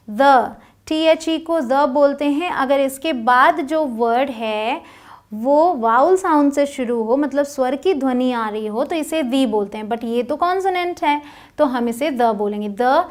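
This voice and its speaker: A woman teaching English pronunciation in Hindi, spelling out letters and then saying each word slowly and clearly. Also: high voice. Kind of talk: phonics lesson.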